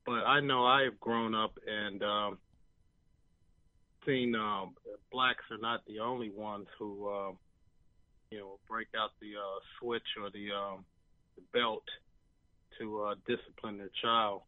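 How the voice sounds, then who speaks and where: A man calling in to a radio talk show over the phone, speaking in a hesitant, measured way with many um and uh fillers. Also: fairly low pitch, fairly even intonation, dry recording. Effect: calling in over a phone line. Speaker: radio call-in caller. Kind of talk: call-in discussion. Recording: tinny, dry phone line.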